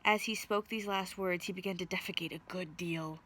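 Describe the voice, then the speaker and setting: A woman's voice: fairly low pitch, steady tone, moderate pace, a bit bright, slight background noise. A woman reading a folk tale aloud as a storyteller, in a narrated storybook style.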